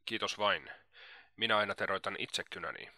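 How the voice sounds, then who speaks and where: A man reading the lines of a proud, reserved young gentleman in an audiobook, cool and measured, lecturing at length. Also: deep voice, lively intonation, no echo, clean studio sound, heavily acted.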